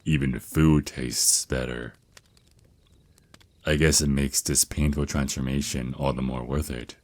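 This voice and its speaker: This ASMR roleplay features a man with a very deep, slightly mellow voice, speaking a little slowly with fairly even intonation. He plays a vampire naga who serves as a tender, reassuring mentor and boyfriend, sounding soothing, affectionate, gentle and encouraging.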